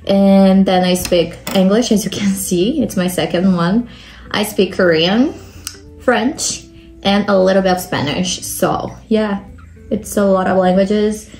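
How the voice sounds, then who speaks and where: A young Brazilian woman with a Brazilian Portuguese accent walks through a makeup tutorial step by step, frequently dropping "like" as a filler. Her medium-pitched voice is unhurried and a little mellow, and soft music plays in the background.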